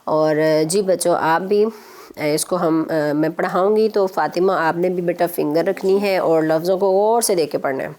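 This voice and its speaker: Patient woman teaching children, low voice. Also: darkish tone. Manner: patient, repetitive instructing, addresses viewers as children. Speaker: children's Quran teacher and host.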